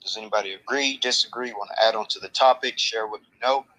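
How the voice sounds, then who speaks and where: A man moderating a casual live audio chat, briskly organizing who speaks next. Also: fairly low pitch, pushed and bright, rough recording. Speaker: room moderator.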